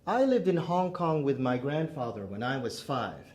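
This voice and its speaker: This English teacher's voice is mid-range and darkish, very animated but at normal speed. He moved to Canada at nine and now drives classroom drills with short, barked commands and forceful instructions, captured from afar in a roomy room with faint noise.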